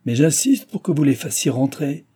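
A man voicing an angry gentleman who scolds in a raised, thunderous voice, as in an audiobook. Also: medium pitch, normal speed, breathy edge, lightly acted. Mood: furious. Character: angry middle-aged gentleman, the children's father.

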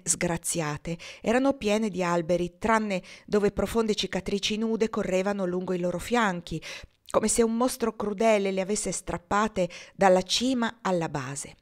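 A woman reading a translated memoir aloud as audiobook narration, with slow, dramatic pauses. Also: mid-range voice. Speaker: reader.

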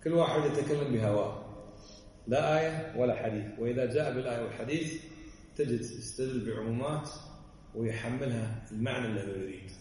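A man's voice: medium pitch, fairly quick, a little mellow. Man lecturing from afar in an echoey hall. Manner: emphatic, fires rhetorical questions. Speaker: religious teacher. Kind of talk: lecture explaining a classic text. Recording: echoey hall, voice far from the mic, faint background noise.

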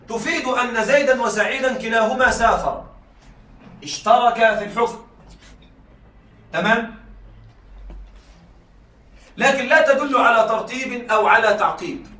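A man's voice: high-pitched, sharp tone. A man teaching a class on Arabic rhetoric in a lecture style, repeating points and checking that his students follow. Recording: echoey room, mic far off.

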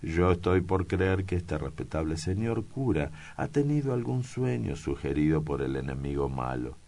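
A man's voice: low voice, very animated, moderate pace, mellow. A man voicing a timid old male secretary who speaks in ornate, obsequious phrases. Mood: fussy.

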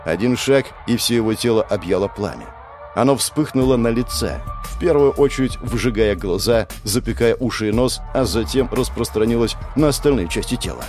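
A man narrating a fantasy audiobook in an expressive, dramatic reading. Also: mid-range voice, fairly quick. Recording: faint background music.

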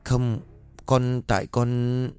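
A man's voice: medium pitch, completely flat delivery, drawn-out words, darkish tone, smooth, no echo, clean studio sound, faint music behind. Tearful stammering young woman, voiced by a male narrator, pleading and scared, story reading. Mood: anxious. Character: frightened young woman, spoiled pleading daughter.

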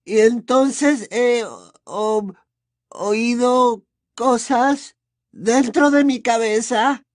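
A man doing a hoarse, trembling scared teen boy. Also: very high voice, fairly even intonation, very slow, dry recording, studio quality, voice pushed up, full character voice. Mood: shaken. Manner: stammering. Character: spoiled hulking teen boy, shaken and scared.

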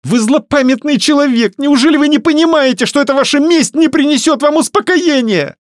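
A male narrator voicing a desperate, hysterical young noblewoman who pleads and cries out in a strained falsetto. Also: very animated, moderate pace, dry recording, studio quality. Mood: pleading, distraught. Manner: high strained falsetto, tearful outbursts.

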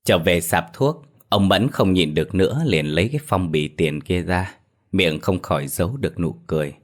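Deep-voiced man narrating a ghost story. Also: moderate pace. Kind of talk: scripted horror story narration.

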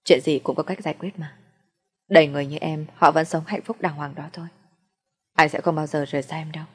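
A woman voicing a young man, a gentle boyfriend who teases and comforts in a soft, reassuring way. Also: deep voice, fairly even intonation, a little fast, breathy edge, big-room sound. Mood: comforting.

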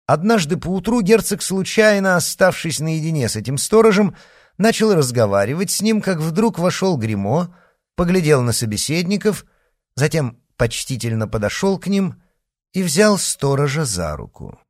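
Expressive male audiobook narrator. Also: on the high side, moderate pace, no echo, clean studio sound. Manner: expressive, lively reading with acted dialogue. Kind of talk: scripted narration of a classic novel.

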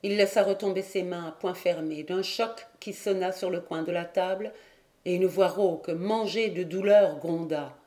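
A woman narrating a literary audiobook in a measured, even storytelling manner. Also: lowish voice. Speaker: audiobook reader.

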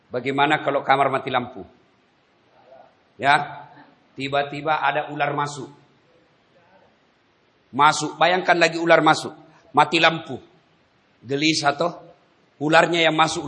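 A male preacher with a somewhat high, bright and forceful voice delivers an emphatic sermon at a prison gathering. His delivery swings between quiet storytelling and loud, urgent exhortation, with a joking edge. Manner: emphatic, jokey and dramatic, rising to loud exhortation. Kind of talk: religious sermon.

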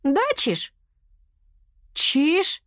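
A woman voicing an impatient young girl apprentice wizard in a storybook reading, with excitable, shrill exclamations. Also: very slow, no echo, studio quality, heavily acted. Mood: excited. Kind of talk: storybook character voice.

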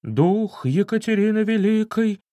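A man voicing a scheming fake baroness, a theatrical woman who intones in a drawn-out, spooky way. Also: sits high, animated, mellow, no echo, voice pushed up. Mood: solemn.

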